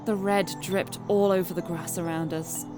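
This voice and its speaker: With music playing underneath, a woman streamer dramatically and expressively voices visual novel narration and chats casually with her audience between lines. Her voice sits on the low side, with fairly even intonation at a moderate speed.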